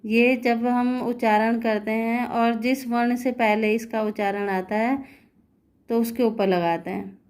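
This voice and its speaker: In a clean, darkish voice pitched on the high side with fairly even intonation, a woman explains Hindi grammar the way a classroom teacher would. She is patient, says words slowly and repeatedly, and uses rhetorical questions to check comprehension.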